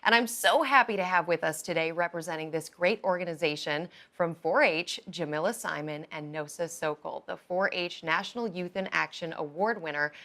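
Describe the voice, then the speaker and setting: A woman in her thirties hosts a live studio broadcast with an upbeat, enthusiastic manner. Her voice sits a little low yet sounds bright and forward. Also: normal speed, hardly any pauses. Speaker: host. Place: television studio.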